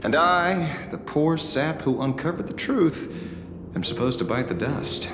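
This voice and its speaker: A defiant, world-weary male detective from a game drama. The voice is deep and swings widely with sardonic emphasis, taking its time over each line. It has an echoey sound. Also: sing-song, music in the background. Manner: sardonic, dramatic, deliberate delivery.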